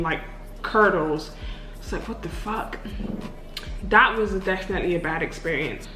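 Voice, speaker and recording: A woman's voice: lowish voice, reverberant, poor audio. A young woman answering viewer questions in a casual sit-down vlog, candid and chatty, swearing freely. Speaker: vlogger.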